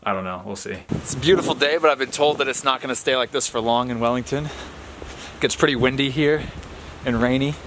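An American man in his twenties, a soccer player, excitedly vlogging in a rambling casual way on a handheld camera. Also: mid-range voice, brisk, noisy background. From USA. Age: 20s. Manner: excited, rambling, restarts sentences. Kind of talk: casual vlog narration. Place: indoors at home and outdoors in the city. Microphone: handheld action camera.

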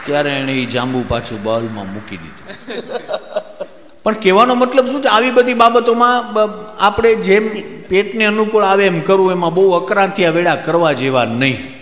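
A Gujarati-accented man tells comic stories on stage, bouncing between narration and his friends' voices. His voice sits high. It rings out through a big echoing hall. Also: normal speed. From Gujarat, India. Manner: lively joke telling, voices friends in quotes. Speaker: stand-up comedian. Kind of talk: stage comedy storytelling.

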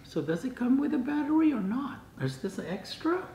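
A very high-pitched, very animated man in his sixties talks at normal speed while unboxing on his vlog. Indoors in his dining room, he thinks aloud, reads out snippets and makes confused little asides. The recording, from a camera across the table, is clean but echoey.

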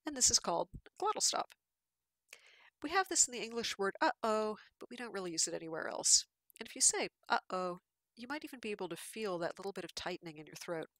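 A woman's voice: medium pitch, big pitch swings, quick pace, fairly bright tone, no echo. A woman giving a patient, explanatory lecture with slides, with fillers and restarts.

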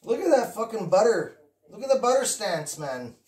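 A man's voice: sits high, big pitch swings, normal speed, darkish tone. A man in his fifties rambling casually to camera as host of a home cooking vlog, giggly and tipsy, goofy and sweary, repeating himself, recorded on a phone in a kitchen. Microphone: phone, handheld then propped nearby.

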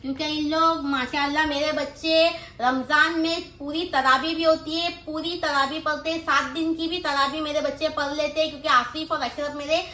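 Seated on a small room's floor, a middle-aged vlogger with a Mumbai accent chats through a grocery haul, explaining and tagging phrases with questions. Her high voice is bright and forceful, with fairly even intonation, normal speed and hardly any pauses. A person nearby holds the recording phone, and there's a roomy echo plus faint background noise.

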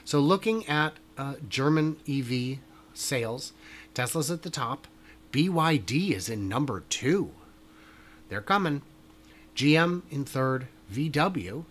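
A man's voice: medium pitch, expressive, slow, a bit bright, a little hiss or hum. A man co-hosting a casual news chat show, joking around and thinking aloud. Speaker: podcast co-host.

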